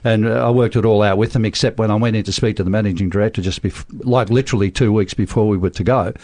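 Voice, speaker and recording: A man's voice: fairly low pitch, quick pace. An Australian man in his seventies, a former band member telling stories with jokey asides in a radio interview. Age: 70s. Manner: lively storyteller, jokey asides. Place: radio studio.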